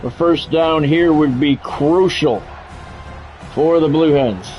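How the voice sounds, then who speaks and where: A middle-aged or older man calls live play-by-play for a football video game, using short, clipped announcer phrases and getting excited on big plays. His voice is fairly high and his pace slow. The sound is lo-fi, with faint music in the background.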